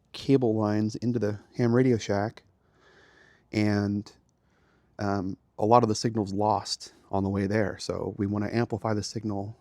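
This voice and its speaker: This man's voice is on the low side and a little mellow, with no room sound. As host and ham radio hobbyist, he gives a casual, plainly explained tour that begins outdoors by a house and continues into a garage and small radio room.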